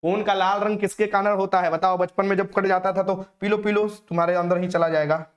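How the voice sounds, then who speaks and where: A man's voice: high voice, little pitch movement, fairly quick. A man teaching a live exam-prep quiz, repeating each question and teasing his students. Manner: teasing, repeats questions, mixes in English words. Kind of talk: live online quiz lesson.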